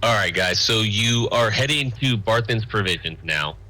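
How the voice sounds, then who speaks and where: A man running a tabletop game as game master, halting with frequent ums before reading out descriptions. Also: lowish voice, expressive, sharp tone. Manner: halting, lots of ums when improvising.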